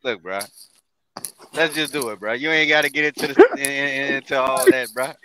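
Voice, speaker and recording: A man talking from inside a truck in a casual livestream chat, teasing and repeating himself loudly. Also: mid-range voice, moderate pace, a crowd in the background. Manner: loud, repetitive, teasing. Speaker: podcast co-host, calling in. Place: in a truck cab.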